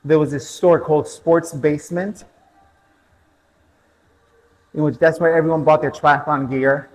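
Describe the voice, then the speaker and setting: A man's voice: on the high side, fairly even intonation, a little slow, long reverb tail, poor audio. A man coaching an indoor cycling class, telling a personal race story between motivational interval cues and countdowns.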